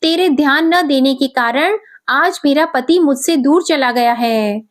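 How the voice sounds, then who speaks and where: A woman's voice: sits high, measured pace. A woman reading the lines of an irritable, dismissive young daughter-in-law. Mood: accusing.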